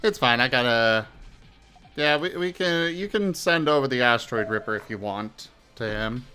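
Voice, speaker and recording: A man's voice: mid-range voice, lively intonation, normal speed, bright, forceful tone, smooth, soft background music. A man hosting a casual gaming livestream, talking upbeat and easygoing over headset audio. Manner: upbeat greetings, easygoing and chatty. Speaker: streamer host.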